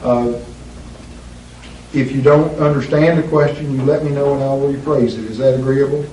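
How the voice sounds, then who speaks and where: A man's voice: medium pitch, steady tone, dark tone. Man questioning in a courtroom-style deposition recording. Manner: deliberate, measured, with frequent "uh" pauses. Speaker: attorney taking a deposition. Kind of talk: formal legal questioning. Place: deposition room. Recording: roomy echo, distant mic, faint hiss.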